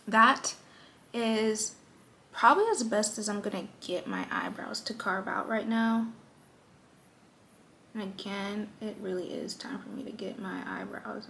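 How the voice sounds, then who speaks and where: This young woman, a lifestyle vlogger, speaks slowly with a medium-pitched, gravelly, slightly bright voice and a steady tone, pausing often. A faint hiss or hum is present as she jokes around during a casual makeup tutorial at her vanity.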